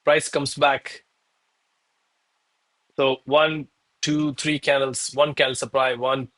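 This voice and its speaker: The recording is low quality, carrying a man's medium-pitched, slightly bright voice as he talks slowly in a level tone. He's a trading streamer chatting casually with viewers in hyped, bro-heavy gym-bro fashion, calling them bro, man and guys.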